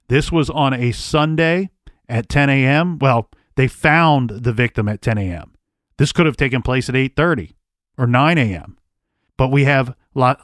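A man with a medium-pitched voice hosts a true crime podcast, reading old case records aloud before talking casually through his theories. The studio sound is clean, with no echo.

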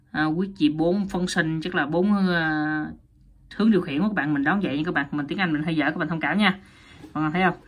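A woman's voice: fairly low pitch, fairly bright tone. A woman reviewing and unboxing a toy in a chatty, casual way, often addressing viewers and laughing at herself.

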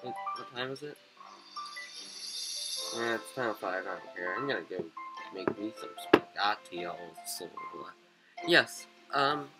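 A man giving casual, rambling commentary while playing a video game, with sudden excited yelps, his voice a little rough from being sick. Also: fairly low pitch, measured pace, long pauses, rough recording. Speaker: gaming video creator. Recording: game music under the voice. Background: game music.

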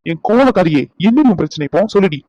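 A man's voice: high-pitched, very animated, quick pace, warm tone, no room sound, lo-fi sound. A man playing a playful husband who teases and coaxes his angry wife in a comedy skit. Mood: teasing. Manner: coaxing, teasing, pleading. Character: teasing young husband, playful.

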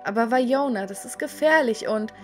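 A woman voicing a worried, overprotective middle-aged mother in an animated story, anxious and pleading. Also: a little high, normal speed, soft background music, close to an everyday voice.

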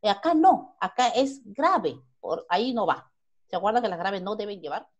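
A woman's voice: medium pitch, very animated, fairly quick, a little mellow, highs cut off. A Peruvian woman teaching a primary school grammar lesson online, who asks the class questions and then answers them herself. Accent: Peruvian Spanish.

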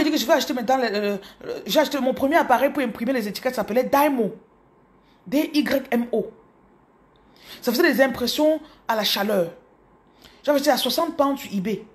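In an animated phone vlog, a Cameroonian business coach in her thirties, with a higher voice and a Cameroonian French accent, shares casual motivational stories with her followers. She repeats words and addresses viewers directly, with the phone camera held close.

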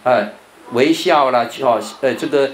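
Speaking in a mid-range voice, an elderly monk teaches English pronunciation on television. His explanations are unhurried and patient, sentences often trail off into a lingering "哦," and he draws out each sound he models. Faint background noise sits under a spacious, echoing recording.

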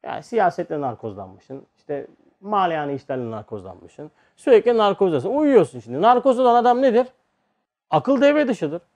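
A man giving an informal religious lecture, talking to listeners like a brother and moving between quiet asides and emphatic points. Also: high-pitched, big pitch swings, moderate pace. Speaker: religious teacher.

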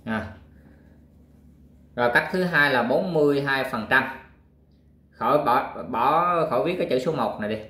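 A male math teacher works through a worksheet, counting squares aloud in a slow, patient way. He pauses often with fillers, and his voice sits at a middling pitch. A roomy echo hangs around his voice. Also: expressive, bright, forceful tone. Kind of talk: worksheet walkthrough lesson.

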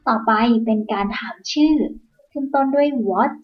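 Slow patient woman teaching beginners. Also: sits high, muffled recording, soft background music. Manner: patient, repeats each phrase slowly. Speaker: English teacher. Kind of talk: slow instructional explanation.

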